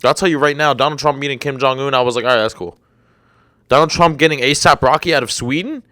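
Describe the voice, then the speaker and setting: Speaking fast in a mid-range voice that comes across pushed and bright, this podcast host is a young man in his twenties going solo at a desk mic. He rambles, sounds incredulous, and has a slightly congested throat, all captured in a dry, studio-quality recording.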